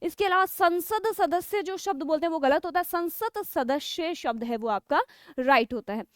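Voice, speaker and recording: A woman teaching a Hindi spelling lesson for exam students, explaining step by step, slowing down to spell out key words, and checking in with her listeners. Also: extremely high pitch, dry recording, clean studio sound. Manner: explains step by step, keeps checking with 'ठीक है'.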